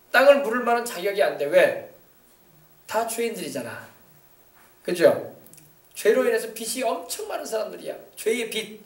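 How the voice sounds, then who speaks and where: A male pastor preaching a sermon in an emphatic way, often checking that the congregation agrees. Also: high voice. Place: church sanctuary. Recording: echoey church hall, mic at a distance.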